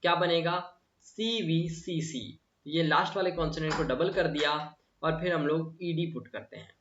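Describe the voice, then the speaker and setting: A man's voice: a little high, fairly quick, fairly bright tone, a little hiss or hum. Male teacher, echoey room, repeating and asking. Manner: repeats words and asks the class questions. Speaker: English grammar teacher. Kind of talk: classroom lesson. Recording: echoey room, voice from a distance, dull sound.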